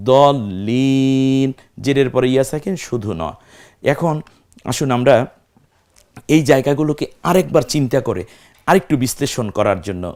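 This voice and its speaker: A man's voice: mid-range voice, a little mellow. Man teaching Quran recitation step by step. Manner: explains step by step, drawing out Arabic syllables. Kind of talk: recitation lesson.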